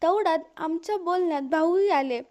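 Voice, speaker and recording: Sorrowful woman narrating a story, very high voice. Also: fairly quick, warm tone. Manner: sorrowful, pleading. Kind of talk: first-person emotional story narration.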